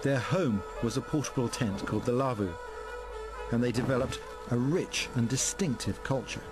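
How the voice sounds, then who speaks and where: Calm male documentary narrator. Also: mid-range voice, normal speed, over music. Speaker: presenter narrating.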